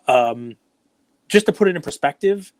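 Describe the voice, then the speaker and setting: A man's voice: a little high, moderate pace, no echo. Chatty New man in his forties. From United States. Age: 40s. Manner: animated storytelling, self-deprecating asides. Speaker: podcast host. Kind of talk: casual chat.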